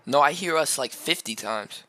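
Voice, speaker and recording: A man's voice: a little high, expressive, normal speed, sharp tone. A man livestreaming and chatting casually about gaming in slangy gamer-bro talk. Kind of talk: casual gaming stream chat.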